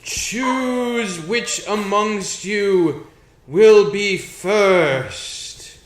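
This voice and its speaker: Man doing a slow, menacing ancient elf spirit, echoey. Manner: slow, drawn-out, booming pronouncements. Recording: echoey room.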